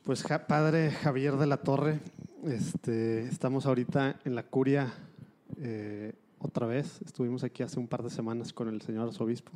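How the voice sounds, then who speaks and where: Male interviewer, friendly and talkative, mid-pitch, dark mellow tone. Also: fairly even intonation, normal speed, slight background noise. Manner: chatty, laughs easily. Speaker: host, interviewer. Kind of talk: prayer then casual interview.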